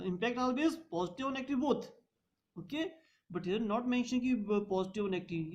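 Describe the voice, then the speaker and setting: A woman's voice: medium pitch, a little mellow. A woman teaching a revision lecture, reading points out in English and explaining them in Hindi.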